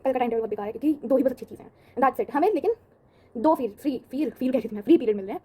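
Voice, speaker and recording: A woman's voice: sits high, racing, dark tone, breathy edge. A teenage girl, chatting casually in a vlog into her phone camera, rambling and mixing in English. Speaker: vlogger.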